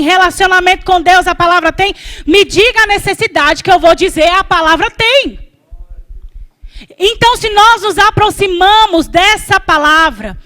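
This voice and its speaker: A woman's voice: very high-pitched, bright, forceful tone. A woman evangelist with a Brazilian Portuguese accent preaching a sermon to a congregation, driving her points home with repeated refrains and direct address.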